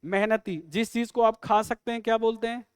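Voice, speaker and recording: Man, high clear voice, dry close sound, live exam-prep lesson. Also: steady tone, no echo. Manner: quizzing students with quick questions and jokes. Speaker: English teacher.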